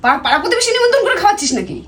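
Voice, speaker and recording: A woman with a Bengali accent scolding her husband loudly and insultingly in a comedic quarrel sketch. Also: extremely high pitch, wildly swooping pitch, a little hiss or hum. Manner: scolding, insulting, loud and fast.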